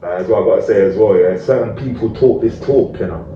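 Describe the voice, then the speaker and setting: Speaking fast in a lowish, dark voice, a community activist from multicultural street London puts out emphatic, slang-laden talk straight to camera in a roadman accent, peppering it with tag questions. The sound is roomy, far-off and dull, with a little noise.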